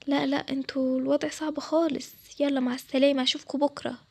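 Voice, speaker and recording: A woman's voice: sits high, level tone, quick pace, gravelly, background noise. A woman doing a boastful Egyptian schoolgirl. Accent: Egyptian Arabic. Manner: show-off, then pleading and soft. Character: boastful schoolgirl pretending to be rich. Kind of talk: role-play drama voice-over.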